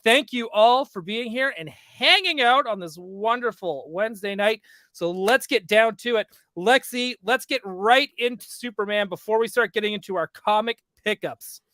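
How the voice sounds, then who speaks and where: A man's voice: high voice, normal speed, sharp tone, no echo, clean studio sound. A man hosting a podcast in casual chat, upbeat and laughing often as he reads out names from the chat. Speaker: podcast host.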